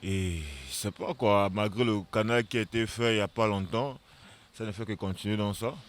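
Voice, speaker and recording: A man, a local resident in a street interview, speaking in a weary, halting way. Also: on the low side, fairly even intonation. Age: 30s. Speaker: flood-affected resident.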